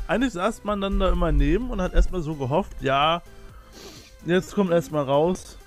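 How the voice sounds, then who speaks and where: A man's voice: high-pitched, moderate pace, faint music behind. A young man co-hosting a casual chat, blunt and full of crude slang. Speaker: podcast co-host.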